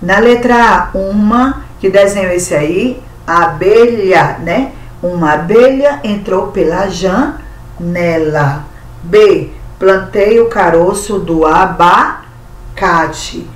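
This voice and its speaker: A woman's voice: on the low side, echoey room, distant mic, low-quality recording. A woman schoolteacher with a Brazilian Portuguese accent, giving a recorded class for young children in a patient manner and drawing out syllables. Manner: slow, patient, drawn-out syllables for kids.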